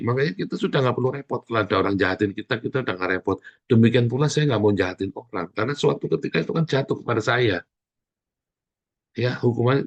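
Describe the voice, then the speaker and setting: A man preaching a sermon as pastor, speaking in an animated way with sudden loud exclamations. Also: medium pitch, gravelly, husky.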